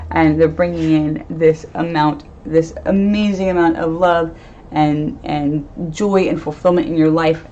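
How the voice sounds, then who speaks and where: A woman's voice: deep voice, a little mellow. A woman doing a casual live-stream tarot reading, chatty, laughing often and trailing off into fillers. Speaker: medium and tarot reader. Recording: dull lo-fi stream audio.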